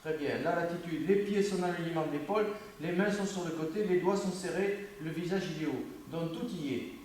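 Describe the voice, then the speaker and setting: Coaching a student on the mat of an indoor judo dojo, a French-accented instructor speaks briskly in a fairly high voice with a darkish tone, correcting, repeating himself, and breaking off mid-phrase. A camera across the room records him from far off in a very echoey space, with slight background noise.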